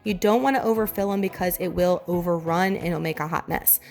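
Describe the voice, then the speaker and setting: A woman's voice: fairly low pitch, fairly quick, gravelly, a little mellow, soft background music. A woman with a Southern US accent chatting through a casual cooking voiceover, enthusiastic and direct, her voice congested and giving out. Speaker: home cooking vlogger. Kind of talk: casual meal prep voiceover.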